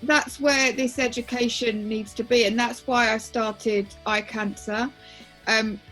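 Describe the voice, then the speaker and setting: A woman's voice: a little high, fairly even intonation, a little slow, fairly bright tone, faint music behind, low-quality recording. A woman in her twenties telling her own story frankly as an interview guest, with many restarts. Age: 20s.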